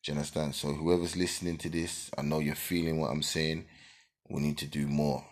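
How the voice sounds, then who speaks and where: Very deep-voiced London roadman. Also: level tone, brisk. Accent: London roadman, multicultural London slang. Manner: emphatic, repetitive, sweary street slang. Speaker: speaker addressing online listeners. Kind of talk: impassioned spoken rant to listeners.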